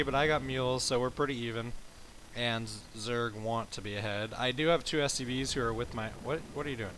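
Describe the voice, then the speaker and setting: A man's voice: mid-range voice, bright, forceful tone, slight background noise. Laid-back tired man commentating gameplay. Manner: laid-back, rambling, swears casually. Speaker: game commentator.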